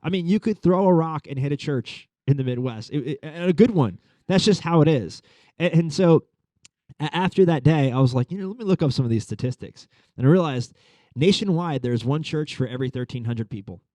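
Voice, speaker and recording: Mellow-voiced man in his thirties. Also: a little high, lively intonation, brisk, dry recording. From Long Island. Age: 30s. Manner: conversational, frequent fillers like "like" and "uh". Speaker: pastor. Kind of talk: sermon storytelling.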